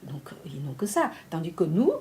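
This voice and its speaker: A Vietnamese woman who works as a literary translator speaks animatedly in a conversational interview, her voice low-pitched and her pace normal. She restarts phrases often and uses many fillers, with slight background noise present.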